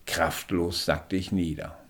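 A man reading a first-person story aloud in a measured, introspective way. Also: sits low, little pitch movement, fairly bright tone. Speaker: narrator. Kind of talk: first-person audiobook narration.

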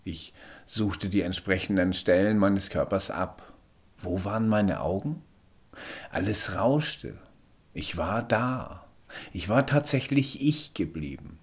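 A man reading a first-person story aloud in a measured, introspective way. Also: low voice, lively intonation. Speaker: narrator. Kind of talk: first-person audiobook narration.

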